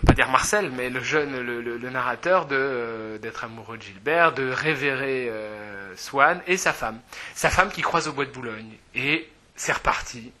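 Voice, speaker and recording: A man talks through a novel's plot in a loose, chatty way. He hesitates often, corrects himself mid-sentence, and sounds amused. His voice is bright and clear-toned. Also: mid-range voice. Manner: hesitant, full of fillers and self-corrections. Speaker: book reviewer. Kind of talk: casual spoken book summary.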